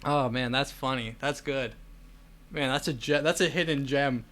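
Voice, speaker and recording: A young podcast host with a mid-range, fairly bright voice speaks at a moderate pace. He keeps things casual, spinning stories with a playful, teasing humor.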